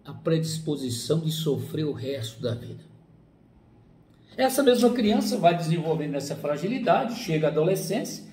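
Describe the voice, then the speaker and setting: A man giving an explanatory talk as a psychologist, acting out parents and children as he speaks. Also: on the high side. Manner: animated, acts out quoted parents and children. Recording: echoey room with faint ambience.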